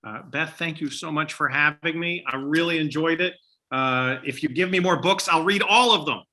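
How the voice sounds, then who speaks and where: A man's voice: on the high side, moderate pace, sharp tone. A middle-aged man speaking as an interview guest, thoughtful and earnest in a casual chat about books. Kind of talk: casual reflective book chat.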